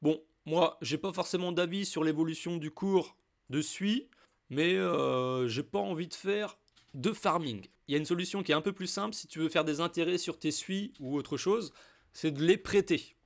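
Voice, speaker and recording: A man's voice: on the high side, moderate pace. A man from France walking the viewer through a crypto tutorial in a casual, chatty way, with frequent fillers. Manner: chatty, addresses viewer informally with many fillers. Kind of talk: casual screen-recorded tutorial.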